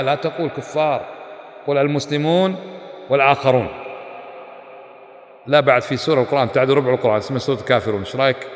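A man gives a religious lesson, speaking emphatically and firing rhetorical questions at his listeners. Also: medium pitch. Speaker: Islamic scholar teaching a class. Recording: echoey hall with long reverb.

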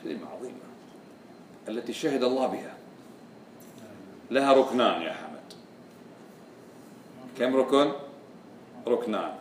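A man's voice: mid-range voice, expressive, unhurried, long pauses, far from the mic, slight background noise. Man teaching in an echoey room. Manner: quizzing students with repeated questions. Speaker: religious teacher. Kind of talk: classroom religious lesson.

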